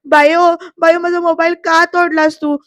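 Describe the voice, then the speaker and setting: A woman's voice: very high-pitched, flat delivery, normal speed, no room sound, studio quality, voice pushed up. A woman voicing a sulky young woman who whines and talks back at her elders. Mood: whining defiant. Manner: whining, shouting back.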